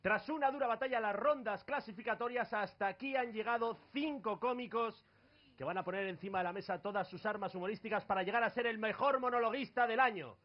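A man's voice: high voice, a little fast, dull audio. A man with a Spanish accent doing a stand-up comedy routine on a club stage, jokey and punchy. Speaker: comedy duo host.

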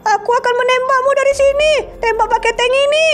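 A woman's voice: very high-pitched, a little fast, over loud music, pitched above the performer's own voice. Woman voicing eager little boy Yuta. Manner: bright, eager, bossy little leader. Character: cheerful energetic young boy Yuta.

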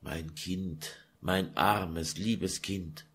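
A man reading a German audiobook, voicing an older mother who soothes her daughter softly. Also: low-pitched, fairly even intonation, extremely slow, breathy edge, heavily acted. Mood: hushed tender. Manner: soft and hushed.

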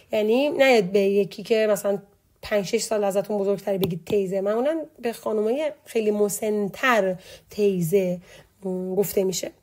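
A woman teaching a language online, slowly explaining a word list and repeating each word with its meaning. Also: medium pitch, dark tone. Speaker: Turkish teacher.

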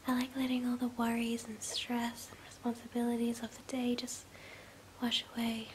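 A woman's voice: on the high side, monotone, moderate pace. Hissy whispered role-play, soothing young woman. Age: 20s. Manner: soothing, affectionate, intimate. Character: sleepy, affectionate girlfriend comforting her partner in bed. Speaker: ASMR performer. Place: small bedroom, indoors. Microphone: close to the mouth. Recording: clear background hiss and ambience.

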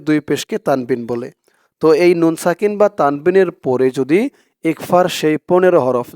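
A man with a clear, smooth, slightly mellow voice pitched a little high teaches Quran reading letter by letter, pronouncing each carefully. He chants slowly and drawn out when reciting but explains plainly and briskly in between, recorded close and dry with no room sound.

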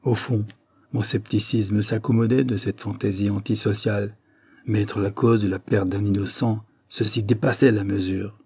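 A man narrates an audiobook with measured, dramatic storytelling. His voice is mellow and a little husky, and it is recorded close and dry. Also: lowish voice, level tone, no room sound.

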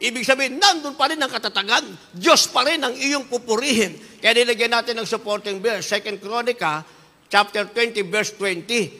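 A woman's voice: on the high side, moderate pace, pushed and bright, big-room sound. A woman preacher giving an impassioned sermon, fervent and repetitive, slipping between languages. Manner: fervent, repeats "beloved" refrain, switches into English.

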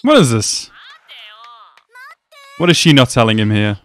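Sitting near a desk microphone in a small room, a twenty-something reaction host delivers casual, slangy commentary with obvious amusement. His mid-range voice is very animated and fairly bright, though his pace stays measured.

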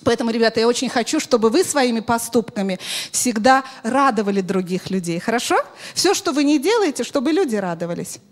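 A middle-aged woman with a high voice tells a moral story to a group of children. She is expressive and instructive, drawing her young listeners in with questions as she speaks into a handheld microphone. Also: brisk. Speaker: children's Sunday school teacher. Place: large bright church hall with audience of children.

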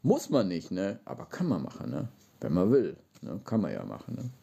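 A man's voice: low voice, wildly swooping pitch, fairly quick, vocal fry, mellow, breathy edge. A middle-aged man chatting casually and playfully to a live audience, rambling along and tagging his sentences with little questions. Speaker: livestreamer. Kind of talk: casual live chat to viewers. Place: indoor room. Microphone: phone at arm's length.

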